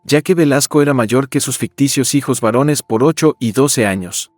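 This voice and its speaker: Male narrator, medium pitch, formal scripted explainer delivery over light music. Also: moderate pace, no echo, studio quality. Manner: formal, expository. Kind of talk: scripted documentary-style narration. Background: background music.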